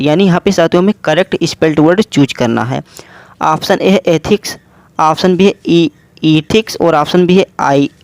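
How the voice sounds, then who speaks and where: A man's voice: a little high, darkish tone, no echo. A man teaching exam questions, explaining each option and repeating his own questions and answers as he goes. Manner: repetitive question-and-answer explaining, addresses listeners as friends.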